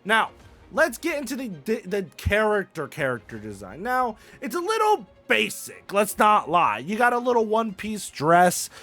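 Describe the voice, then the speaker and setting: A man's voice: high voice, wildly swooping pitch, moderate pace, sharp tone, soft background music. A young man hosting casual gaming commentary, hyped and playful, full of slang and repeated phrases. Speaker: gaming YouTuber host.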